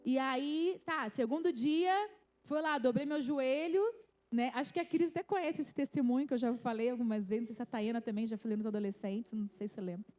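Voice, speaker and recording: A woman's voice: sits high, brisk, darkish tone. A woman in her thirties from Rio de Janeiro, with a Carioca accent, telling a personal testimony at a church youth service in an earnest, storytelling way. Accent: Carioca Brazilian Portuguese. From Rio de Janeiro, Brazil. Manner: earnest storytelling, many restarts and "né?" asides. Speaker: testimony speaker.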